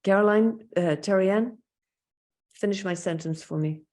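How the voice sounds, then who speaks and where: A woman's voice: mid-range voice, normal speed, darkish tone. A woman leading a group session over a video call, speaking unhurriedly and checking in with "yes?", while her call audio cuts out in glitchy dropouts. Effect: call audio cutting out in glitchy dropouts. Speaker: group facilitator. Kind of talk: guided teaching talk on a video call.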